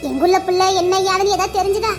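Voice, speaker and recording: A woman voicing a kindly older village woman who talks in a quick, worried, motherly rural way. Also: very high-pitched, faint music behind. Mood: concerned. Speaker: elderly village caretaker.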